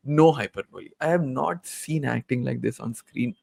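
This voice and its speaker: A man's voice: mid-range voice, moderate pace, gravelly, a little mellow, dry recording. A man co-hosting a film podcast in casual discussion, hedging with restarts and tag questions like "right?". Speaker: podcast co-host.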